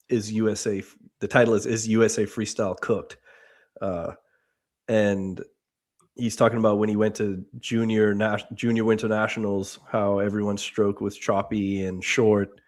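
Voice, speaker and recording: A man from the Bahamas co-hosting a casual sports podcast, explaining his view in a measured way with examples. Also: lowish voice, a little mellow. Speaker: podcast co-host.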